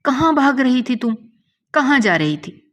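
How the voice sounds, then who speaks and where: A woman's voice: a little high, animated, warm tone, muffled recording, pitched above the performer's own voice. A woman voicing an exasperated, worried young man who scolds and questions in disbelief in a narrated story. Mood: scolding.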